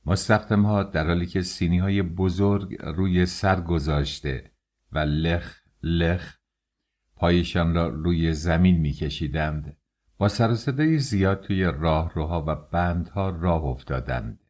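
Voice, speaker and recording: A man's voice: sits low, a little mellow. A man reading an audiobook aloud, narrating a story and shifting his tone for the quoted characters. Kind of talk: audiobook narration with acted dialogue.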